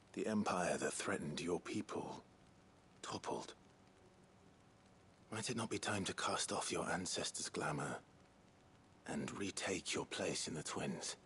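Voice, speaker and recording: An actor playing a gruff but kindly warrior in a video game cutscene, hushed and unhurried, with a gravelly, breathy voice over music. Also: male voice, low-pitched, exaggerated voice. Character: gruff but kindly male warrior, dry-humoured, earnest. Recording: music behind the voice.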